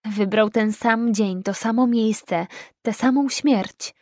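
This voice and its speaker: Nina: kobieta czytająca jako cicha, zatroskana młoda przyjaciółka. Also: female voice, on the high side, no echo. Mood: smutna, kojąca. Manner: soft, hushed, slow speech. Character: gentle, worried young woman friend.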